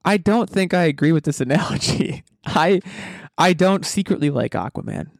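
Creaky-voiced man hosting a podcast. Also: on the high side, lively intonation, normal speed, no echo, clean studio sound. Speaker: podcast host. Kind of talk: casual pop culture podcast chat. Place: basement room at home.

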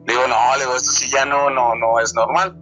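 A man in his twenties with a Mexican accent, telling a true encounter in a halting, repetitive way, often restarting his words. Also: medium pitch, little pitch movement, bright, forceful tone, faint music behind, rough recording. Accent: Mexican Spanish. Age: 20s. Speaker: storyteller sharing a true encounter. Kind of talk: casual spoken testimony.

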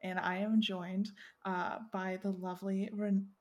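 A woman hosts a podcast in a mid-pitched voice. Her delivery is casual and chatty, with informal, self-deprecating phrasing. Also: level tone, a little slow. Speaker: podcast host.

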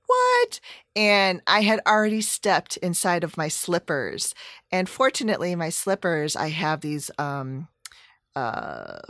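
A woman's voice: on the low side, a bit bright, no room sound, studio quality. A woman chatting casually about a home project, rambling with fillers and self-corrections. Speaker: DIY vlogger. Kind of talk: casual chat.

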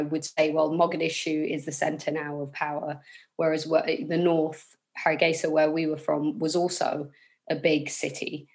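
A woman from England with a London accent talks thoughtfully as a guest in a casual interview, using fillers and restarting her sentences. Her voice is low-pitched with vocal fry.

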